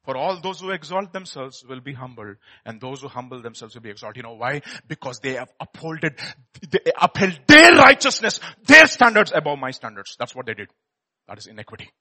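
A male preacher with an Indian accent delivers a sermon in a fairly high, forceful, bright voice. He is emphatic and dramatic, repeating words for weight and throwing rhetorical questions at his listeners as he mixes testimony with teaching. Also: big pitch swings, brisk, rough recording. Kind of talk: animated sermon with personal testimony.

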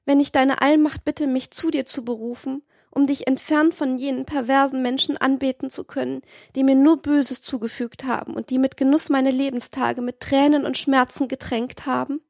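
A woman's voice: on the high side, moderate pace, no echo, studio quality, voice pushed up, close to an everyday voice. A woman reading as a young, innocent, wronged woman who prays tearfully and pleads with heaven. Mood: pleading prayer. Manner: tearful, imploring prayer. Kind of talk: dramatized audiobook reading.

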